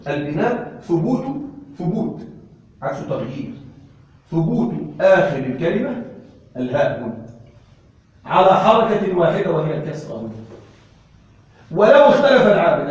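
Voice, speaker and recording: A man's voice: high-pitched, lo-fi sound. Echoey male teacher quizzing his class. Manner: checks understanding with frequent questions to the class; repeats key terms slowly for emphasis. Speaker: Arabic grammar teacher. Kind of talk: classroom lesson. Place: classroom with students. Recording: echoey room, voice from a distance.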